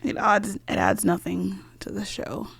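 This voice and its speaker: Soft-spoken woman podcast co-host, gravelly fry, dry close sound. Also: mid-range voice, level tone, measured pace, dry recording. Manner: soft-spoken, never raises her voice. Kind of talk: casual podcast chat.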